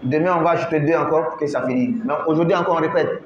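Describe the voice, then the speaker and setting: A man teaching a Ramadan class on Quran recitation in a mosque, drilling each word's pronunciation slowly, syllable by syllable. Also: fairly high pitch, a crowd in the background. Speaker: religious teacher. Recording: echoey, muffled room recording.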